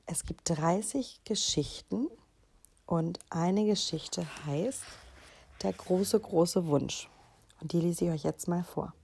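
Low calm lady reading a kids story aloud, mellow and soft. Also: takes it slowly, creaky, husky. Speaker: children's story reader. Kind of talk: read-aloud storytelling for children.

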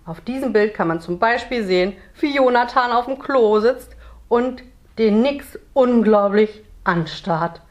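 A woman's voice: a little high, lively intonation, a little slow. A woman teacher from Hamburg presenting and reading a children's book aloud, telling the story expressively for young pupils. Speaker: primary school teacher.

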